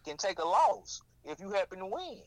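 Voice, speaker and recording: A man's voice: high-pitched, big pitch swings, normal speed, no echo, poor audio. A man chatting casually in heavy slang with lots of swearing and teasing. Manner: slangy, profane, playful teasing. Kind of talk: casual chat.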